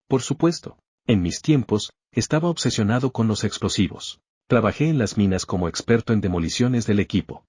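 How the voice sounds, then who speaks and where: A reckless, cheerful middle-aged father who loves explosives, talking in a boastful, brash way, as a male narrator voices him. The voice is low and husky. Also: expressive, moderate pace, darkish tone, dry recording, clean studio sound.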